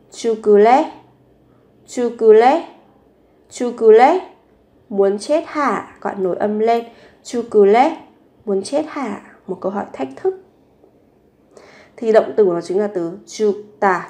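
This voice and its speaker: A woman teacher walks through short phrases one by one, saying each three times before explaining it. Her pitch sits in a middle range, and she keeps a patient, steady lesson rhythm, with frequent rhetorical questions. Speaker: Korean language teacher. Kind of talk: language lesson narration.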